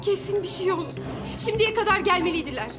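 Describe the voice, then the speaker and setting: A woman's voice: very high-pitched, lively intonation, quick pace. An actress playing a young pregnant woman of twenty-one, pleading and calling out for her family. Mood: anxious. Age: 20s.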